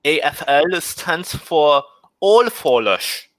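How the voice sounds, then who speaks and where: A man voicing a pompous church official in a mock German accent, with halting, deliberate pauses on a video call. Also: a little high, sing-song, noisy background. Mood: mock-solemn.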